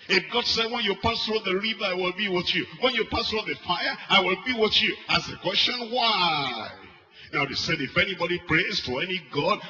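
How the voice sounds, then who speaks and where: A man preaching a sermon, who repeats questions and swings between loud urging and low, quiet musing. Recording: dull lo-fi recording with faint music.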